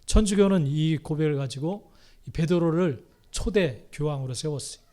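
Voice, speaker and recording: A pastor delivering a sermon, dramatically acting out quoted lines with sudden swings between loud and hushed. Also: male voice, on the high side, moderate pace.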